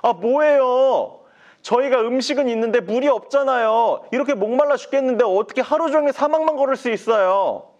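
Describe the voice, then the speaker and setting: A man's voice: very high-pitched, brisk, darkish tone, muffled recording, pitched above the performer's own voice. A man voicing a crowd of complaining, hungry Israelites in a children's Bible story. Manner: whiny, complaining.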